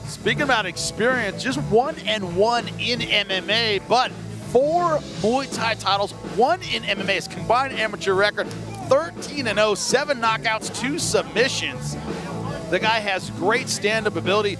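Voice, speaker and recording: High-voiced male fight commentator. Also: expressive, moderate pace. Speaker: play-by-play commentator. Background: music.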